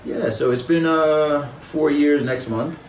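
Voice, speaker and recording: A man from Jamaica, a guest in an interview, speaking in a measured, reflective way with frequent pauses and fillers. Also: fairly high pitch, reverberant, recorded from a distance, a little hiss or hum, rough recording. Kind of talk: conversational interview.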